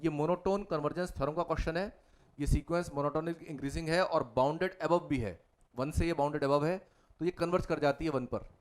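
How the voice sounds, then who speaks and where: Man, maths tutor, fairly high voice, step-by-step board working. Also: brisk. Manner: talks students step by step through working out each problem. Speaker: mathematics tutor. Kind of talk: whiteboard problem-solving lecture.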